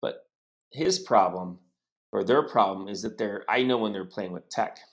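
In his sixties and from the United States, this host keeps the interview casual, wandering through lengthy stories with frequent restarts. He speaks at a moderate pace in a lowish voice.

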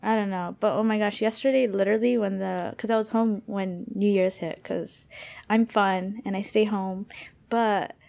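A woman in her mid twenties co-hosting a podcast, chatting in an expressive, self-mocking, dramatic way. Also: medium pitch, normal speed, vocal fry. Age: 20s. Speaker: podcast co-host. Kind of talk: casual chat.

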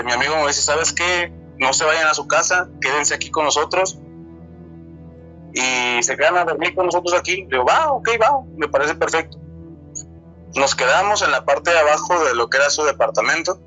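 A man in his twenties with a Mexican accent, telling a true encounter in a halting, repetitive way, often restarting his words. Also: a little high, sharp tone, faint music behind, rough recording. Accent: Mexican Spanish. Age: 20s. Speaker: storyteller sharing a true encounter. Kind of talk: casual spoken testimony.

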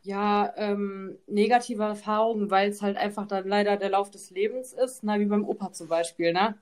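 A young woman from the area talks casually on a podcast in a middle-pitched voice. She speaks quickly and warmly, and she tags "ne?" onto the end of her phrases. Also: fairly even intonation. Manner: chatty, often ends phrases with "ne?". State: tearful at times. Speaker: podcast co-host.

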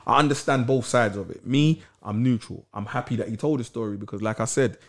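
A man's voice: medium pitch, fast, creaky. Laid-back man hosting a chat. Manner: laid-back, repeats phrases, London slang. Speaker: podcast host. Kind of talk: casual chat.

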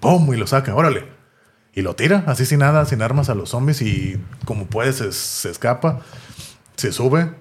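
A man's voice: mid-range voice, lively intonation, moderate pace, a little mellow. A young man with a Mexican accent, co-hosting a casual chat and retelling a series, acting out the characters' lines. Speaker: podcast co-host.

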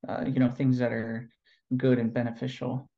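Dull audio carries the gravelly, mid-range voice of a Californian being interviewed about his NLP trainer work. He answers in an unhurried, reflective way, with lots of fillers and pauses.

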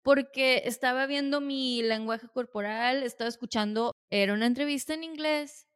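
Chatty young Mexican woman, slightly high. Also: normal speed, clear, resonant tone. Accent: Mexican Spanish. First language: Spanish. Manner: chatty, self-deprecating, confiding. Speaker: podcast host. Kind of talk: personal reflection monologue.

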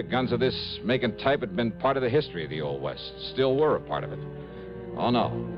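In a 1950s-60s American detective radio drama, the male lead and narrator plays a dogged, suspicious American investigator in a lowish voice. His delivery is clipped and insistent, broken by musing hesitations, on a dull vintage recording with music.

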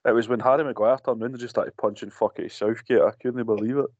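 Co-host, blunt and sweary; dry, slightly dull lo-fi recording. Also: male voice, mid-range voice, steady tone, fast, darkish tone, dry recording. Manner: blunt, sweary, laughs often. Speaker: podcast co-host. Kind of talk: casual podcast chat.

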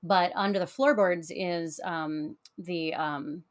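A woman with a slightly low voice talks as a podcast guest. She explains things in a conversational way, often restarting and repeating words as she goes. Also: fairly even intonation, slow. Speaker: podcast guest, author and tour guide. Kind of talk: casual conversational interview.

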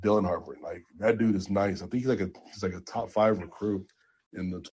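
A man co-hosting a podcast, chatting casually about basketball transfers with animated jumps in excitement. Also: deep voice, fairly quick, husky. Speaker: podcast co-host. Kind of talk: casual sports chat.

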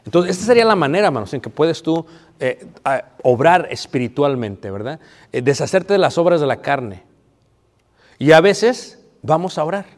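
Pastor preaching in a reverberant hall. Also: male voice, on the high side, big pitch swings, moderate pace. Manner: conversational, asks the audience questions, playful. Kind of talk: marriage sermon.

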